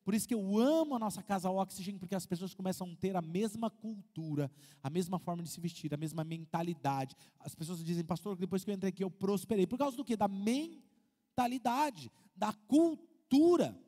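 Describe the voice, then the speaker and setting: A Brazilian pastor with a strikingly high voice preaches a lively sermon, firing questions at his congregation and acting out what people say. His words ring out with the long reverb of a large church hall. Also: normal speed. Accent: Brazilian Portuguese. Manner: lively, asks the congregation questions, acts out quotes. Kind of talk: animated sermon.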